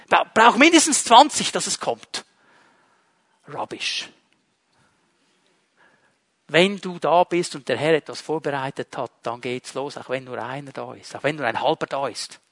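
A man preaching a sermon, lively and conversational, talking straight to his listeners. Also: high voice, no room sound, studio quality.

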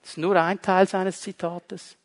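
A high-voiced man preaches a sermon. He talks straight to his listeners and swings between loud emphasis and hushed lines. Humorous asides keep his delivery conversational. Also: little pitch movement, a little slow. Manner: dramatic shifts between loud and quiet, addresses listeners directly.

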